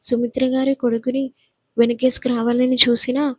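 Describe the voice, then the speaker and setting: A woman narrates a scripted story in an even, steady reading. Her voice is fairly high and husky, with a flat pitch, and the recording is dry and close. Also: normal speed, dry recording.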